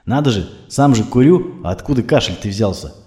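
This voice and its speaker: A man voicing an anxious, injured man who talks to himself in a hushed, urgent way. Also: on the low side, expressive, fairly quick, natural voice. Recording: roomy echo.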